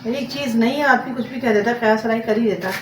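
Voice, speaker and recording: Cooking in her kitchen at home, a vlogger chats in a loose, rambling way, dropping English words into her speech. Her voice is a little high and she talks quickly. The distant mic picks up a reverberant room and clear household noise.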